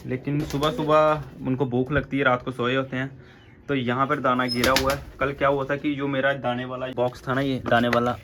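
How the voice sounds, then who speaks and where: A medium-pitched male voice with background noise: a young vlogger who keeps birds and rabbits narrates casually from his backyard bird enclosure, an outdoor rooftop setup. Chatty and treating viewers as friends, he feeds his pigeons and chicks.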